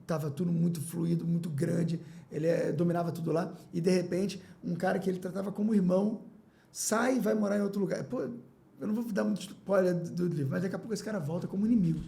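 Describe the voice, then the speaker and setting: Gravelly-voiced man telling an emotional story. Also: sits high, fast. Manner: emotional, animated retelling, repeats phrases and acts out his own past words. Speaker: podcast guest, business owner. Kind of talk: personal story in a podcast interview.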